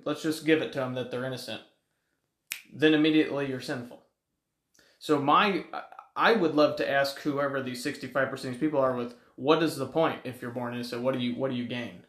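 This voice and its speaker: A man's voice: mid-range voice, moderate pace, fairly bright tone, echoey room. A man co-hosting a podcast, pushing back with pointed, puzzled questions. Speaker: podcast co-host. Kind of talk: casual podcast discussion.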